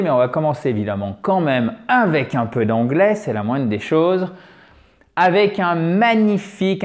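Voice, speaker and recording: A man teaching English pronunciation in French, his native tongue, with animated, exaggerated drills. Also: on the high side. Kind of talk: video lesson in French.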